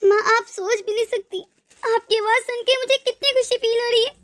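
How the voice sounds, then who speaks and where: A woman's voice: very high-pitched, steady tone, fairly quick, a bit bright. A woman voicing an emotional young wife and devoted daughter in a cartoon story, often stammering over her words. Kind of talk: cartoon voice acting.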